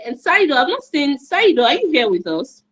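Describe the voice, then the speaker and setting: A woman's voice: high voice, sing-song, moderate pace, fairly bright tone, rough recording. A woman from Nigeria, hosting an online event in an enthusiastic, repetitive, encouraging way over a video call. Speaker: host and moderator.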